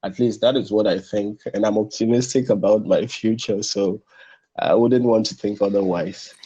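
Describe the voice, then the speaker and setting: A young adult man from Benin, a French speaker studying translation, answers interview questions as a guest, hesitating and restarting many times. His voice is dark and husky, steady in tone, at moderate pace, in muffled low-fidelity audio.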